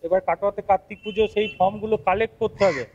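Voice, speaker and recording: A man's voice: high voice, steady tone, racing, a little mellow, dull audio. A man with a West Bengal Bengali accent making an aggrieved, pleading complaint to the press. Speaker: booth-level election worker. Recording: clear background noise, on-site ambience.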